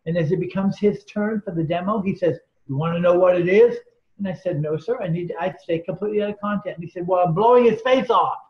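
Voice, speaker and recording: A man guest in an interview, telling earnest, emphatic stories and acting out the people in them. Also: sits high. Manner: earnest, emphatic storyteller quoting others. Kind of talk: storytelling in an interview. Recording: roomy, dull lo-fi sound.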